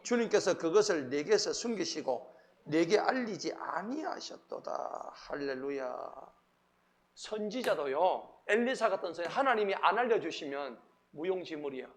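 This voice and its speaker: Guy pastor, kinda high voice, lively sermon, keeps asking the church questions. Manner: animated, quizzes the congregation, acts out the Bible figures. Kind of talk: Wednesday evening sermon. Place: church sanctuary.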